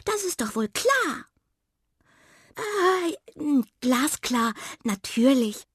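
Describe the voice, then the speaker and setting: A woman's voice: sits high, very animated, drawn-out words, dry recording, clean studio sound, pitched above the performer's own voice, heavily acted. A woman doing a bossy little wood mouse.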